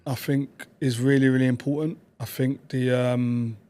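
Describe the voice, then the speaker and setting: A man, a podcast guest telling stories about his past in quick, animated bursts. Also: mid-range voice. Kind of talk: reflective conversational storytelling.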